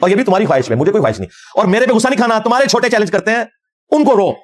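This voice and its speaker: A man's voice: sits high, lively intonation, rapid-fire. A middle-aged man giving a combative religious lecture as a scholar, fervent and quoting Arabic verses.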